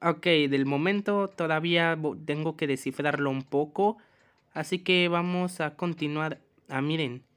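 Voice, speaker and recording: A woman's voice: sits low, measured pace, clear, resonant tone. A woman chatting casually over a game, reading items aloud and exclaiming at surprises. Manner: chatty, exclaims and shrieks at scares. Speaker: gameplay voice-over narrator. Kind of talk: casual game commentary with character voices.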